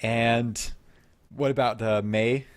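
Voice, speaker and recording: A man co-hosting a gaming podcast, chatting in a relaxed way and often trailing off and restarting. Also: medium pitch, slow pace. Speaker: podcast co-host. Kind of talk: casual gaming podcast chat.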